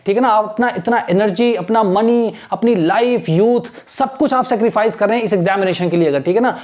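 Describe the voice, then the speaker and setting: A male teacher giving an online exam-prep English lesson. He speaks in a direct coaching tone, checks in after nearly every phrase, and reads English lines slowly, word by word, for his students to imitate. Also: sits high, darkish tone.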